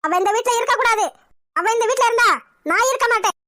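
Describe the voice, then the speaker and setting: Domineering proud mother for a cartoon, shrill and sharp. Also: fast. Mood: demanding. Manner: shrill, scornful ranting. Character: domineering middle-aged mother, proud and scornful. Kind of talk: cartoon voice acting.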